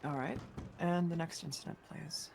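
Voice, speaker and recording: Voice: medium pitch, fairly even intonation, moderate pace, gravelly, darkish tone, slight background noise. A speaker playing a judge in a role-play court hearing, brief and formal with set phrases.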